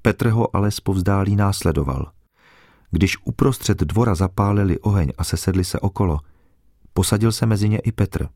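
A man reads a scripture passage aloud with a steady, solemn delivery. His voice is very low and deep. The recording is dry and close, with no echo. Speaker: scripture reader. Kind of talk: scripted Bible reading.

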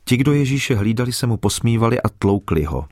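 A man reading a Bible passage aloud in a steady, solemn narrating voice. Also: mid-range voice, noisy background. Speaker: scripture reader.

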